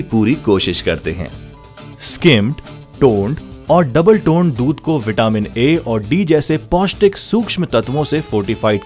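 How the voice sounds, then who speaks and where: A man narrates a documentary in a formal, measured way, with his pitch rising and falling in a lively arc. Soft guitar music plays faintly beneath his voice. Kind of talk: scripted narration.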